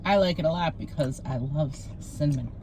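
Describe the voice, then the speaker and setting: A woman's voice: sits low, brisk, darkish tone, a little hiss or hum. A woman guest tasting and chatting in a dry, teasing way. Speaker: guest taster. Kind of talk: casual chat.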